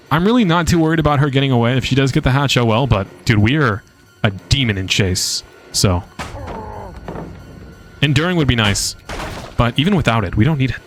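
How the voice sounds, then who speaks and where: A man streaming a video game and commentating live, casual and excitable, swearing freely. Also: medium pitch.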